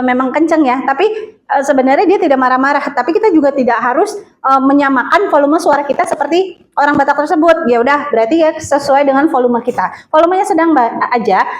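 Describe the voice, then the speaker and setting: A woman's voice: high-pitched, slight background noise, low-quality recording. A woman teaching a class on phone etiquette in a chatty way, with many fillers and questions to her students.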